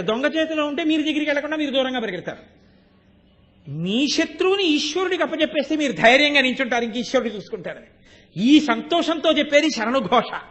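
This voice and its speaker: Very high-voiced man giving a sermon. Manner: animated storytelling with rhetorical questions. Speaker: religious discourse speaker. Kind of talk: devotional sermon.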